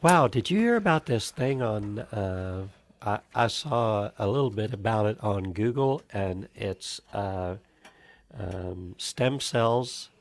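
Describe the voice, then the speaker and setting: A man's voice: fairly low pitch, lively intonation, slow pace. A man co-hosting a radio show, stuffy from a cold, joking dryly and hesitating with fillers. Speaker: radio co-host. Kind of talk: casual radio chat.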